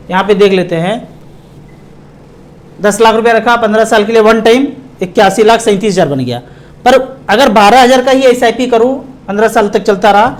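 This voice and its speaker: A high-pitched middle-aged man from India walks viewers through investment questions. He talks emphatically, slowing down and splitting words apart to hammer each point home. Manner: emphatic, slows down and breaks words apart for stress. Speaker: mutual fund distributor.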